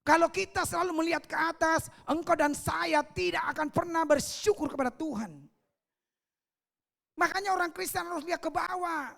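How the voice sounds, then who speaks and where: A man's voice: very high-pitched, moderate pace, creaky, sharp tone. A man, preaching a sermon as an evangelist at a church service, emphatic and repetitive, often calling out to the congregation. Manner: emphatic, repeats phrases, often calls out to the congregation.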